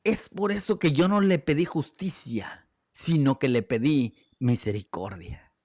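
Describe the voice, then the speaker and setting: A man voicing a humble condemned man, speaking calmly and with resignation, low and quiet. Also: unhurried, dry recording, clean studio sound, exaggerated voice.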